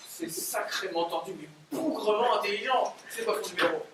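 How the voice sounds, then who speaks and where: A man's voice: sits high, moderate pace, lightly acted. An actor playing a naive, clumsy, eager man in a stage play, hesitant and easily confused, recorded from far off in a very roomy theatre. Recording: very roomy stage audio from far off, faint noise.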